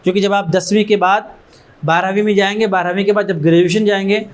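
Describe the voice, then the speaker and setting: A man's voice: sits high, fairly even intonation, quick pace. A man who founded an education trust gives an earnest motivational talk to students in a learning centre room, urging them on in strings of short repeated phrases.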